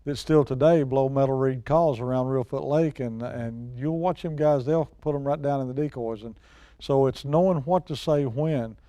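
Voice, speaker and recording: Guy just chatting, folksy storyteller, soft mellow tone, dry close sound. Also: mid-range voice, normal speed, no room sound. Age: middle-aged or older. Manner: folksy, plain-spoken. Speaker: guest expert and outdoors show personality. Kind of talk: casual hunting talk and storytelling.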